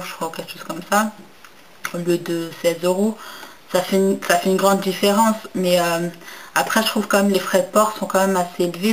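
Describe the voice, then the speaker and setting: A woman's voice: fairly low pitch, a little hiss or hum, rough recording. A young woman chatting casually in a makeup haul video, hesitant with many fillers and restarts, and enthusiastic about packaging. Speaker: beauty vlogger.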